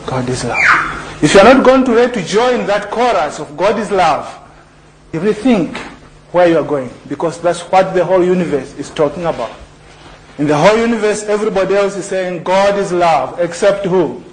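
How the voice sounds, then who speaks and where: A man's voice: sits high, animated, moderate pace, low-quality recording. A middle-aged man from Zambia preaching a sermon in a church, often asking the congregation to finish his sentences. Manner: call-and-response questions to the congregation. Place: church hall. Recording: archived church recording with faint noise.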